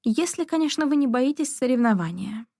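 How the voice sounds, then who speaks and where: A woman's voice: sits high, lively intonation, brisk, creaky, dry recording, studio quality, voice pushed up, heavily acted. Woman reading a bold, defiant young lady. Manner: firm, sharp, teasing. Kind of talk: audiobook character reading.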